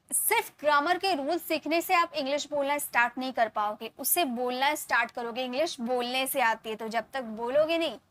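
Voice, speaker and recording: Female English tutor for a video lesson, high voice, repeats key points, dry studio sound. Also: fairly bright tone, dry recording. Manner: explains in Hindi, slows down for English example sentences; repeats points, often adds "ठीक है" and "okay". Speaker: English teacher.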